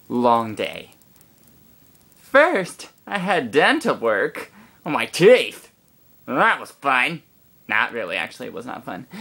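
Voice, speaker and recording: A young woman vlogs into her phone, retelling a long day in a casual, exasperated way. Her voice sits fairly low, but it swings widely up and down as she animates the story, and she swears without a second thought. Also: a bit bright. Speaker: vlogger. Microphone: phone camera.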